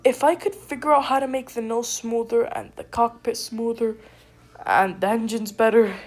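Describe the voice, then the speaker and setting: A woman giving casual gameplay commentary with a stuffy nose, rambling and excitable, often cutting herself off. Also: a little high, normal speed. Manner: rambling, excitable, self-interrupting. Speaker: gaming video creator.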